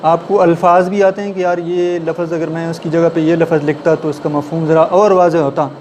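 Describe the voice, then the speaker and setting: A man's voice: on the high side, level tone, darkish tone, slight background noise. A man teaching a writing class in a classroom, explaining step by step and often putting questions to the listeners. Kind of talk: classroom lecture. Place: classroom with a board.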